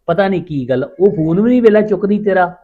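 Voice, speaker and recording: A man playing a busy farmer husband, talking in a gruff, defensive way. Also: high voice, animated, quick pace, muffled recording. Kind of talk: village drama acting.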